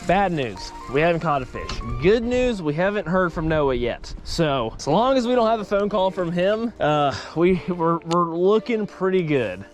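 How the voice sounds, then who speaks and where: Young guy, fairly high-voiced, slangy easygoing outdoor vlog host, light music bed. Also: sing-song, normal speed, hardly any pauses. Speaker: fishing challenge vlogger. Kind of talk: casual vlog chat to camera. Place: outdoors while fishing.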